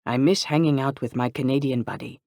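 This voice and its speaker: A man reading an audiobook, voicing an earnest young man who speaks softly and slowly. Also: mid-range voice, steady tone, dry recording, studio quality, close to an everyday voice. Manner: soft-spoken and slow. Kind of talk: audiobook character voice.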